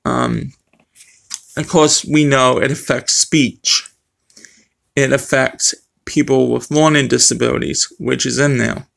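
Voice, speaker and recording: Middle-aged man, speech impediment with unclear R and W, creaky voice, halting casual vlog talk. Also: medium pitch, steady tone, fairly bright tone. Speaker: vlogger. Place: small room at home. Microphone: webcam or phone close to face.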